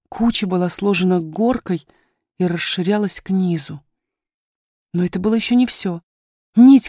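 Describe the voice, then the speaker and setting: A woman narrating a children's storybook chapter with steady, expressive storytelling. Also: medium pitch, no room sound, clean studio sound. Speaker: audiobook narrator. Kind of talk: scripted narration.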